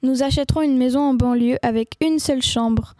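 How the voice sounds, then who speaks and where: A woman's voice: high-pitched, fairly quick, dark tone, a little hiss or hum, close to an everyday voice. Woman reading as a blunt, cold father. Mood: cold lecturing. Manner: curt, lecturing. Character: bankrupt small mustached father, blunt and cold. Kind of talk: audiobook reading.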